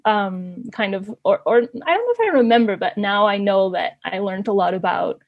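Born in Canada and raised in Ecuador, a woman tells personal stories casually like an interview guest, giggling and laughing often as she talks. Her mid-range voice is animated, with vocal fry and a moderate pace, on phone-quality audio without echo.

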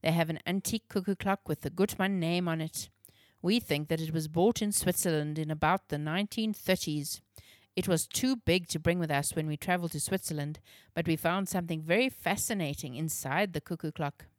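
A woman voicing a calm, friendly father in a storybook reading. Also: low-pitched, fairly quick, no echo, clean studio sound, lightly acted.

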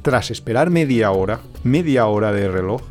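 Spanish man telling an animated story. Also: lowish voice, normal speed, faint music behind. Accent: Spain Spanish. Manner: animated, acts out quoted dialogue. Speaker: travel podcast co-host. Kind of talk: casual storytelling chat.

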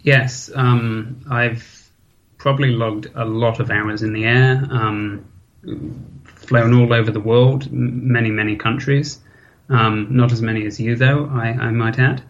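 A man in his thirties with a British accent, talking casually as an interview guest, often pausing with ums and restarting sentences. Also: mid-range voice, steady tone, dull audio. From Hong Kong. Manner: hesitant, many ums and restarts. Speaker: interview guest, forum member.

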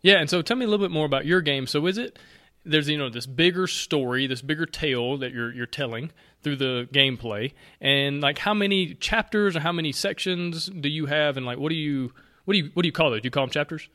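A man hosting a podcast interview, talking in an upbeat, friendly way and asking quick questions. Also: on the high side, sharp tone. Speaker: podcast host. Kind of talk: casual interview chat.

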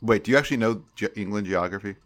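A man's voice: lowish voice, racing, a crowd in the background. A man in his forties co-hosting a casual podcast, reading listener emails and arguing his opinions in a loose, playful way. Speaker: podcast co-host.

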